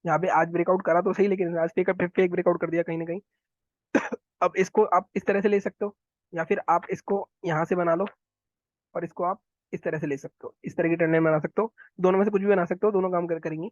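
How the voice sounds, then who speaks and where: A man talking viewers through market charts, quick and instructive, often repeating his phrases. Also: high voice, little pitch movement, no echo, highs cut off. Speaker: stock market analyst. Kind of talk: chart analysis walkthrough.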